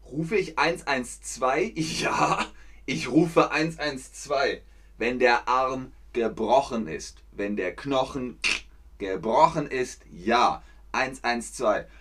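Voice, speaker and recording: A man teaching a language lesson to learners, slowly repeating words and acting out examples. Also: medium pitch, fairly bright tone, breathy edge. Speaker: German teacher.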